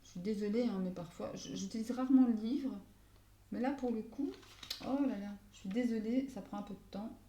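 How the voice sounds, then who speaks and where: In an echoey room, a woman with a slightly high, dark-toned voice gives a casual tarot reading at a fairly quick pace, with a faint hiss or hum in the background. She's an astrology card reader who hesitates and searches for words, often slipping into English phrases.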